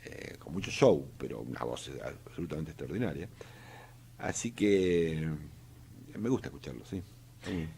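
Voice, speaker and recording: Very deep and dark with vocal fry, an older man's voice comes through animated at a normal pace over slight background noise. He's an Argentine economist speaking Argentine Spanish, answering interview questions casually and haltingly with frequent fillers and restarts.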